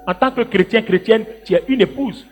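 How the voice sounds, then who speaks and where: A man preaching a sermon as an evangelist, moving from hushed asides to shouted exhortation and tagging his lines with "hein" and "là". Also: sits high, normal speed, faint music behind. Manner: talks directly to the congregation with many "hein" and "là" tags.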